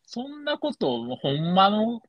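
A woman's voice: medium pitch, sing-song, measured pace, no echo, muffled recording. A woman in casual podcast chat, mostly giving short replies. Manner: brief backchannel replies.

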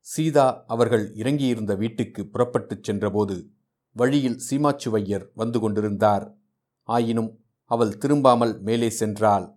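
A man's voice: fairly low pitch, darkish tone. A man steadily narrating a novel aloud as a storyteller.

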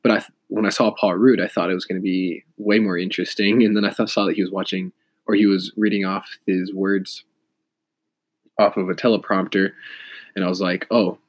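A man's voice: deep voice, little pitch movement, a little fast. A man with a stuffy nose from a cold, talking in a rambling, hesitant casual monologue full of fillers and self-corrections. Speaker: vlogger.

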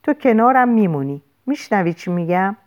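A woman's voice: medium pitch, animated, a little mellow, highs cut off, close to an everyday voice. A woman voicing a young woman who panics and pleads desperately over a wounded man, in an audiobook. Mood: pleading.

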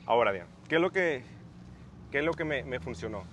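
A man's voice: mid-range voice, lively intonation, fairly quick, a bit bright, slight background noise. A young man hosting a casual podcast, thinking aloud with frequent restarts and fillers. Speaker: podcast host.

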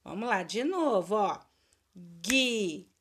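A woman's voice: on the high side, sing-song, slow pace, slight background noise. A woman teacher giving a recorded lesson for children, drilling words in a patient sing-song and praising her pupils.

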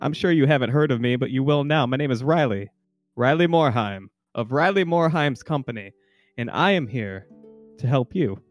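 A man voicing a grandiose, self-assured male adventurer in a tabletop game, speaking slowly and theatrically. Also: mid-range voice, animated, no room sound, faint music behind, pitched above the performer's own voice, lightly acted. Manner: theatrical, slow, flourishing. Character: grandiose, confident adventurer company leader, male.

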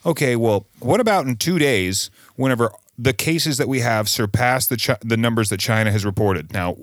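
A man's voice: medium pitch, fairly bright tone, dry recording, studio quality. A man, a podcast guest, giving opinions in a rambling way with frequent restarts. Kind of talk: casual chat.

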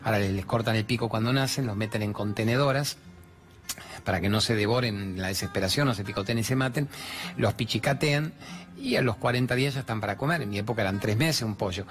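A man's voice: lowish voice, fast. An older man with a Rioplatense Spanish accent hosts a motivational talk, speaking playfully and acting out conversations in raised voices. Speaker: host giving motivational talk. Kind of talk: animated spiritual pep talk.

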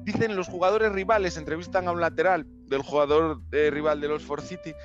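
A man telling a story on a podcast, high-pitched and animated, full of slang and little mouth sound effects. The recording is dull and lo-fi. Faint music plays underneath. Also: brisk. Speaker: podcast host. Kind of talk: casual storytelling.

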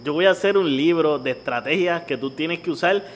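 A man with a Puerto Rican accent co-hosting a casual podcast chat, animated and swearing freely. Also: a little high, fairly quick, big-room sound. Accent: Puerto Rican Spanish. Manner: animated, swearing, acts out old ladies in his stories. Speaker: podcast co-host.

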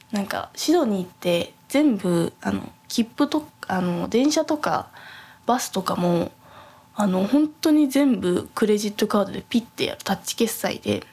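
A young woman hosting a podcast, telling a travel story in a soft, quiet voice, rambling with many fillers and self-corrections. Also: medium pitch, vocal fry. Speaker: podcast host. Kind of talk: casual storytelling chat.

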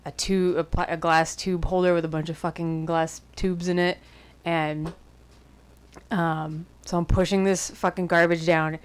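Young woman, podcast co-host, casual chat, rambling, swears a lot, laughs often, lowish voice. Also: flat delivery, measured pace, smooth. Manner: rambling and profane, with frequent laughter.

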